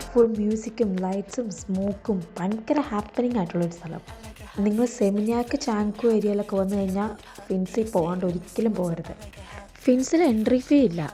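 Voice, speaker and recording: A woman's voice: medium pitch, mellow. A woman gives casual travel vlog narration as a vlogger.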